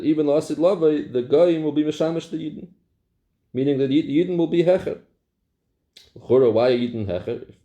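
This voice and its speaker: A man's voice: a little high, darkish tone. Yeshivish-accented man teaching a text. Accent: Yeshivish English. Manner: mixes English with Hebrew and Yiddish terms; repeats key phrases for emphasis. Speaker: Torah teacher.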